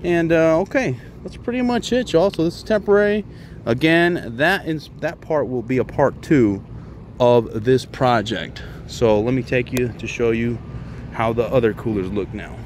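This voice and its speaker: A mid-range male voice at normal speed belongs to an HVAC contractor giving an informal, explanatory tour of his work on a commercial rooftop. It's recorded handheld outdoors, with ambient noise audible.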